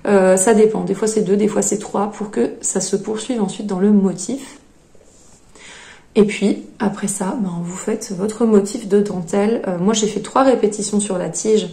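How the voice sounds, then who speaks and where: Woman, knitting vlog host, casual chat, gravelly, echoey room. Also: medium pitch, warm tone. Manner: chatty, hesitant with many fillers. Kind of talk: casual show-and-tell chat.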